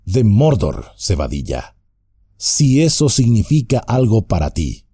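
A man voicing a grim, weathered male ranger who speaks calmly and firmly. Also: fairly low pitch, slightly rough, no echo, studio quality, full character voice. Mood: grave. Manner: calm, measured, quietly firm.

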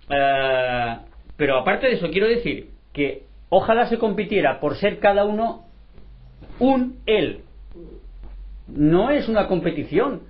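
Guy chatting in a group, kinda high voice, acts out the dialogue, dull lo-fi sound. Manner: animated storyteller acting out dialogue. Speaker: street sweeper. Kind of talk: casual group discussion. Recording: lo-fi recording.

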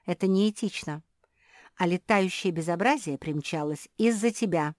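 A woman's voice: fairly low pitch, moderate pace, darkish tone, dry recording, studio quality, natural voice. A woman voicing a strict older sister dog who lectures in a reproachful, preachy way.

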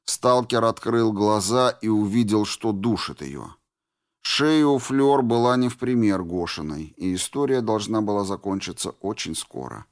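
A man narrating an audiobook in a steady, measured way. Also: lowish voice. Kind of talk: scripted narration.

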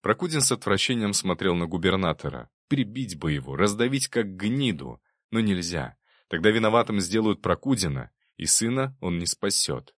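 Low-voiced male audiobook narrator. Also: very animated, normal speed, dry recording, clean studio sound.

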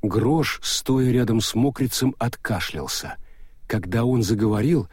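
Guy reading an audiobook, a little husky, dry close sound. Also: mid-range voice, measured pace, darkish tone, no room sound. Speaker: audiobook narrator. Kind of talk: scripted narration.

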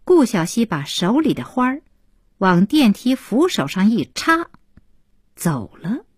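A woman's voice: on the high side, big pitch swings, measured pace, slightly rough, dry recording, clean studio sound. A woman narrating a serialized novel with dramatic expression, sometimes dropping to a whisper in tense moments. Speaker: audiobook narrator.

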